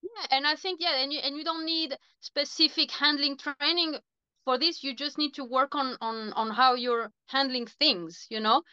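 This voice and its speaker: A woman's voice: high voice, moderate pace, dry recording, highs cut off. A woman from Chile, a dog trainer co-hosting a podcast in casual chat, who animatedly voices what dogs think. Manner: animated, acts out dogs' thoughts in asides.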